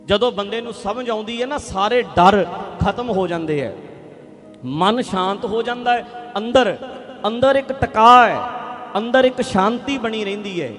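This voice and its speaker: A male preacher giving an impassioned religious speech, emphatic and full of rhetorical questions, swinging between loud and hushed. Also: very high-pitched, moderate pace, long reverb tail, soft background music.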